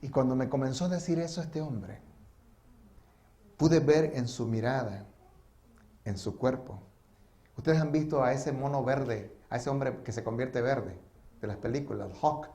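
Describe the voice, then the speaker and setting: A male pastor telling a story in a church sermon, swinging between loud and hushed delivery. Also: mid-range voice, a little slow, long pauses.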